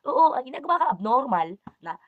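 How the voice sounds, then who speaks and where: A woman's voice: high-pitched, sing-song, fairly quick, dry recording, phone-quality sound. A woman ranting indignantly to the camera, defending herself and slipping into English phrases. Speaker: vlogger answering accusations. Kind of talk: heated personal rant to camera.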